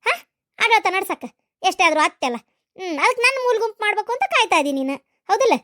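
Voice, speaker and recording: Woman doing a shrill fierce mother-in-law. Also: big pitch swings, fast talker, heavily acted. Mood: accusing. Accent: North Karnataka Kannada. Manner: harsh, accusing, loud scolding. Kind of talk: cartoon voice acting.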